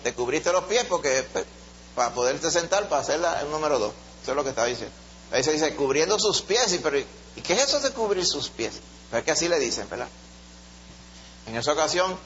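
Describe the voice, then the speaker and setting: A man teaching a Bible study in a lively, storytelling way, in a muffled recording. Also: on the high side. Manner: animated storyteller, acts out voices. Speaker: preacher. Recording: muffled recording with faint hum.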